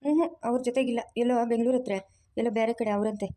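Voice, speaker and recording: A woman voicing a bossy, caring middle-aged village aunt, in a loud, scolding, teasing manner. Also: on the high side, fairly even intonation, racing, natural voice.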